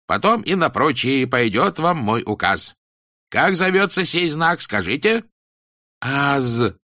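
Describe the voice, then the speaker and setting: A man voicing a stern, pompous old-time schoolmaster who lectures in slow, rhyming sing-song sentences. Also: mid-range voice, very animated, pushed and bright, no room sound, studio quality, pitched above the performer's own voice, full character voice. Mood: instructing.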